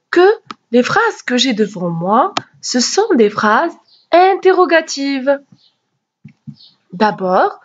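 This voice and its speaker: A woman teacher giving a grammar lesson, explaining slowly and carefully and acting out questions with rising intonation. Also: high-pitched, husky. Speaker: French teacher. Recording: dull, lo-fi recording.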